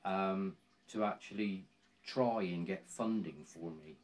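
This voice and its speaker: An older Cornish man in his sixties with a deep, low voice. He talks casually, as an interviewee does, in a halting way that circles back and repeats phrases. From Cornwall, England. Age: 60s. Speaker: interviewee, volunteer woodland ranger.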